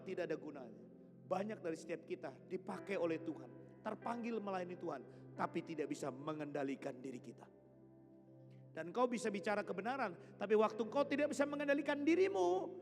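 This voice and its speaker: A man preaching a lively sermon, joking and drawing responses from the congregation. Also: sits high, a little fast. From Indonesia. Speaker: pastor. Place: church hall. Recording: music behind, long hall reverb.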